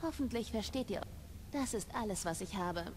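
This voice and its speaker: A woman's voice: medium pitch, animated, moderate pace, darkish tone, in a large hall, a little hiss or hum, natural voice. An actress playing a curt, businesslike female merchant in a video game.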